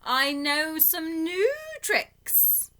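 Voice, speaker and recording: A woman voicing a boastful, carefree male cat from a storybook, with showy, drawn-out, emphatic phrases. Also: high-pitched, pitched above the performer's own voice, exaggerated voice. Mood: eager. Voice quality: bright, swooping.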